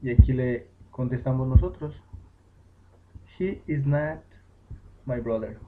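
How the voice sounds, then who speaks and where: A man's voice: medium pitch, slow pace. A man patiently explaining grammar as a teacher, with fillers and self-corrections. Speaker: English teacher. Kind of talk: home-made lesson explaining grammar. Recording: tinny phone-like recording with faint noise.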